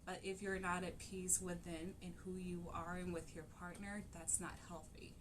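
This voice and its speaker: Young woman coach, lowish voice. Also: level tone, normal speed, noisy background. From Cameroon. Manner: easygoing, laughs often. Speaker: guest relationship coach. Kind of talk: casual interview chat.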